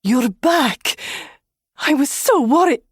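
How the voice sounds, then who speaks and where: A woman's voice: high-pitched, lively intonation, slow, no echo, studio quality. A woman voicing Belle, an anxious, tender young woman, in an audiobook. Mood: overjoyed.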